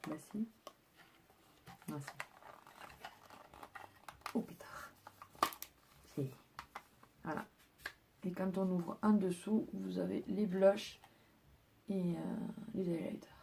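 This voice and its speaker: A woman's voice: fairly low pitch, steady tone, takes it slowly, gravelly, pauses often, warm tone. A woman chatting casually at home as she shows her purchases one by one to viewers. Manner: chatty, talks her viewers through each item. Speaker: haul vlogger. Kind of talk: casual chat, showing purchases to camera.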